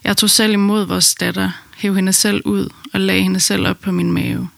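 A woman calmly narrating her own birth story in the first person, in an intimate storytelling manner. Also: medium pitch, creaky, dry recording.

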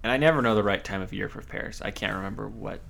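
A man's voice: on the low side, quick pace, creaky, fairly bright tone, slight background noise. A man chatting in a casual podcast, rambling along with lots of "like" and playful exaggeration. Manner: chatty, rambling with fillers and restarts. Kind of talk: casual chat.

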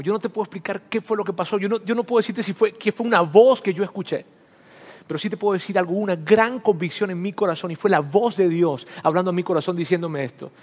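A man's voice: sits high, a little mellow, breathy edge. A man preaching a sermon and telling his own story, speaking to the listener intimately as though in conversation. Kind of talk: sermon with personal testimony. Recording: long reverb of a large hall.

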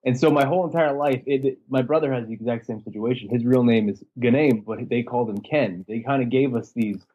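A man from the United States, a sports writer guest in a casual podcast chat, easygoing and quick to laugh. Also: mid-range voice, husky, dull audio.

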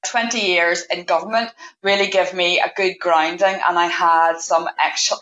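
Female podcast guest, fifty, lowish voice, roomy and slightly muffled recording. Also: a bit bright. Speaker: podcast guest, payroll manager. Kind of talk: interview answers. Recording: echoey room, dull lo-fi sound.

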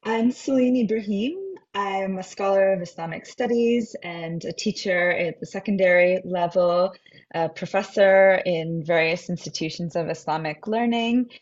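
A woman from New Hampshire, a scholar and teacher, reflecting thoughtfully on her path, pausing and restarting as she searches for words. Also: on the low side. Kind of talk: reflective personal talk. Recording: dull lo-fi recording.

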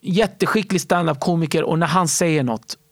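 A man telling stories in a casual interview, animated and fond of acting out other people's voices. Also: a little high, dry recording, clean studio sound. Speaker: stand-up comedy entrepreneur and guest.

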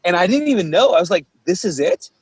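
A husky, high-sitting male voice talks fast in a dry recording. The speaker is a pastor from Kuwait, Urdu being his first language, who vividly narrates his story in a casual interview and acts out the quoted dialogue.

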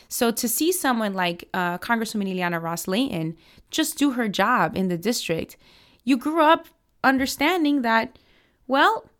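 A woman's voice: medium pitch, a bit bright. A young adult woman from Miami, a political strategist, answering interview questions in an earnest, passionate way with many fillers and restarts. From Miami, United States.

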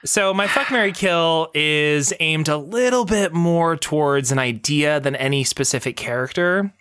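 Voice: medium pitch, a little slow, a bit bright, clear, resonant tone. A podcast co-host chatting playfully about comics and hosting a jokey segment like an announcer. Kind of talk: casual comic-book chat.

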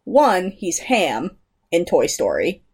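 A woman's voice: on the low side, huge pitch swings, slow pace, darkish tone, slightly rough. A young woman co-hosting a podcast, chatting casually, laughing often and reading out trivia. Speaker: podcast co-host. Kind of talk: casual chat.

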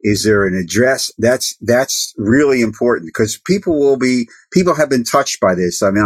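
A man hosts a podcast interview, asking questions that wander and restart. His voice sits at a middle pitch and sounds close and dry. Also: no echo. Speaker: podcast host.

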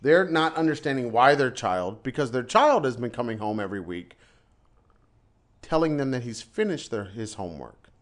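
A man's voice: mid-range voice, expressive, normal speed. A man who teaches English in China, telling a story in casual chat with a ranting, exasperated manner. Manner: exasperated storytelling rant, repeats himself.

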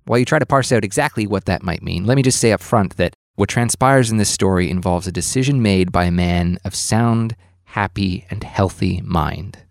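Low gravelly male storyteller. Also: moderate pace, no echo, clean studio sound. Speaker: podcast host and narrator. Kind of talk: scripted storytelling narration.

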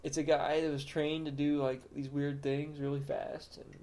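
Man with a higher voice, teasing. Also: flat delivery, a little mellow. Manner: quick questions, teasing asides. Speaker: podcast co-host. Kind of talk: casual chat.

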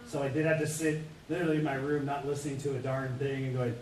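A man's voice: mid-range voice, level tone, fast. A man voice actor telling a story on a convention panel, laughing at himself. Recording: echoey hall, far from mic, crowd noise.

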